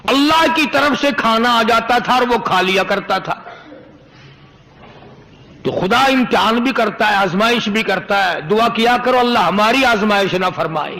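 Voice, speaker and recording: Male preacher, sermon storytelling. Bright, forceful tone in a reverberant hall. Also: high voice, gravelly. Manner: rhythmic, repetitive phrasing.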